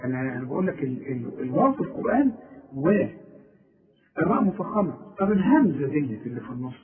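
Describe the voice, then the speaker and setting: Egyptian Arabic accent, male tajweed tutor, drawn-out demonstrations, heard from a distance. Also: a little high, sing-song. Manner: corrective, demonstrates words by drawing them out slowly. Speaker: Quran recitation teacher. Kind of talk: one-on-one tajweed lesson. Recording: tinny phone-like line, far from mic.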